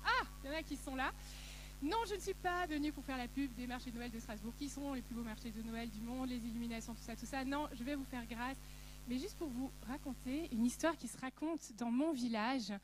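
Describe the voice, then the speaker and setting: A woman from Alsace giving a church message, telling stories in a lively, humorous way and speaking directly to the audience. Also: sits high, a little fast, slight background noise. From Alsace, France. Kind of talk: sermon with storytelling.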